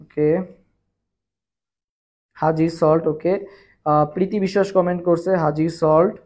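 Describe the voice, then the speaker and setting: A man's voice: on the high side, steady tone, a little slow, a little mellow. A young man from Bangladesh teaching a live online biology revision class, repeating questions and answers and asking viewers to comment.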